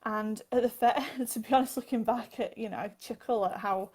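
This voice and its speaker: A woman's voice: on the high side, a little fast, darkish tone. Earnest woman guest on a call. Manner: earnest, laughs between phrases. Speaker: guest, author and advocate. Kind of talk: casual interview answers.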